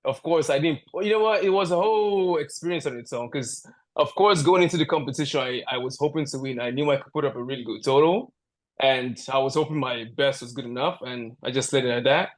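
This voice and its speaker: A man's voice: medium pitch, fairly quick. A man from Canada, a powerlifter guest on a podcast, chatting casually, joking and laughing often, rambling with restarts. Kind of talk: casual interview chat.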